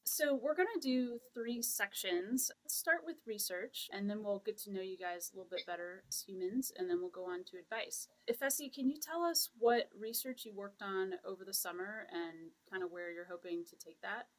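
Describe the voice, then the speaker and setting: A woman's voice: mid-range voice, moderate pace, few pauses. A woman hosting a casual podcast interview, upbeat as she guides the conversation. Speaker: podcast host.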